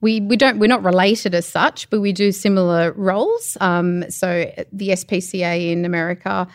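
An Australian woman, an animal welfare area manager, giving measured, sober answers in an interview. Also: medium pitch, fairly even intonation, no room sound, studio quality.

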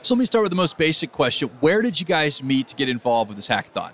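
A man hosting a podcast, doing an upbeat on-location interview with quick questions at an outdoor event. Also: fairly high pitch, sing-song, fairly bright tone. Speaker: podcast host.

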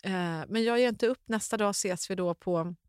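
A middle-aged woman, an author as interview guest, telling a personal story in a lively way, laughing often and acting out dialogue. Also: mid-range voice, smooth, no room sound, clean studio sound. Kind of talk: personal storytelling in a podcast chat.

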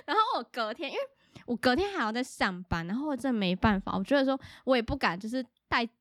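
A woman's voice: on the high side, expressive, fast, fairly bright tone, dry recording, clean studio sound. A young woman chatting casually on a podcast, telling a personal story in an earnest way. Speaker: podcast co-host. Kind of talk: casual chat.

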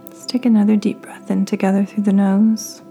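A woman hosting a podcast, leading a guided meditation in a soft, half-whispered, soothing voice. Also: medium pitch, flat delivery, normal speed, creaky, soft background music. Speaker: podcast host.

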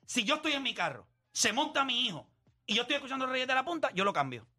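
A man's voice: very high voice, sing-song, fast, bright, forceful tone. A man hosting a casual radio talk show, bluntly scolding a caller.

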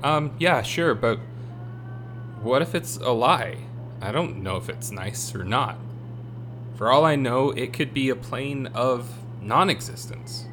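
A man playing a kindly, self-doubting afterlife attendant in an audio drama, hesitant and low-key. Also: lively intonation, slow pace, a bit bright. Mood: doubtful. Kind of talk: scripted audio drama acting. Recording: clearly audible humming noise.

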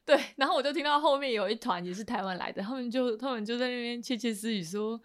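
A woman's voice: fairly high pitch, fast. A woman, a podcast guest telling a story in casual chat, laughing often and acting out what people said. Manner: animated, laughs often, acts out quoted lines.

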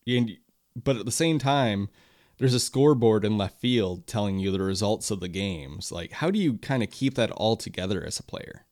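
A man with a lowish voice hosting a sports chat. He asks questions and steers the talk, and his sound is dry and close. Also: expressive, moderate pace, darkish tone, dry recording. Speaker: podcast host.

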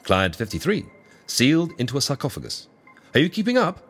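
In a comic audio drama, a man plays the excitable, fussy owner of a secret agency in the ancient world, theatrical, flustered and courteous all at once. His mid-range voice runs a little fast, brisk and imperious in mood, over soft background music.

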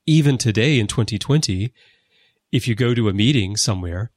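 A man hosting a casual podcast conversation, explaining background at length with lively emphasis. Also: on the low side, fairly quick, no room sound, studio quality. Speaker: podcast host. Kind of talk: casual conversation about a TV series. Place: lives in Japan.

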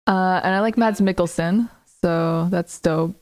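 A woman's voice: fairly low pitch, unhurried, a little mellow. A woman guest on a podcast, a streamer, talking casually with a wry, joking manner. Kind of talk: casual chat.

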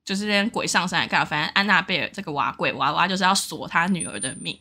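A young woman chats on a podcast, telling stories and laughing often. Her voice is bright and her pace is fast. She sounds easy and talkative. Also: fairly low pitch. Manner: chatty storytelling, laughing often. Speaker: podcast co-host. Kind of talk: casual chat.

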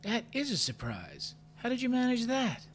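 A sardonic female office boss in a high, lively register. Her remarks come out dry and wry, over a faint background hum. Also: normal speed.

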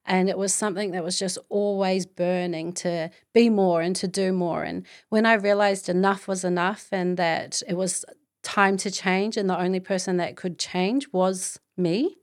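A woman's voice: on the low side, fairly even intonation, normal speed. A middle-aged woman with a Māori New Zealand accent, hosting a podcast as an earnest, encouraging motivational monologue. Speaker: podcast host.

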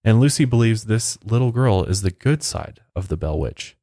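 A man's voice: fairly low pitch, animated, normal speed, warm tone, no room sound, clean studio sound. A man telling a local ghost legend in a casual, chatty way, with off-the-cuff asides. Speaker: storyteller host. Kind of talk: casual spoken storytelling.

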